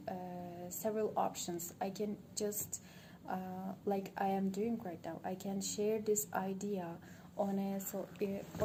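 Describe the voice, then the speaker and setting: A native Turkish speaker from Turkey, a woman with a Turkish accent, gives an unscripted social media monologue while thinking aloud. She speaks hesitantly, pausing often, at a medium pitch, with ambient noise in the background.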